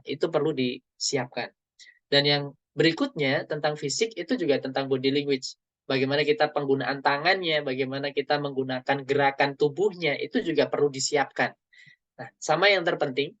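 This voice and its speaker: A man's voice: on the high side, dry recording. Man giving a webinar talk. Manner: explanatory, often tags phrases with a soft "gitu ya". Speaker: public speaking trainer.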